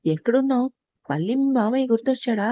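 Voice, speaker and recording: A man's voice: extremely high pitch, animated, quick pace, dark tone, no room sound. A woman reading the part of a short-tempered young husband who scolds and threatens over the phone in a storybook reading. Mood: scolding. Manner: harsh, scolding.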